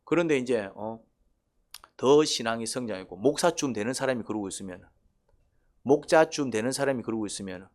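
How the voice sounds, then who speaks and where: A man's voice: mid-range voice, expressive, fairly quick, a little mellow. A man preaching a sermon as pastor, asking the congregation questions and acting out quoted voices.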